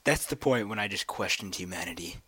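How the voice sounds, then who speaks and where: A man's voice: deep voice, expressive, fairly quick, pushed and bright, husky. A young man co-hosting a casual gaming podcast, joking around and laughing often. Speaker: podcast co-host.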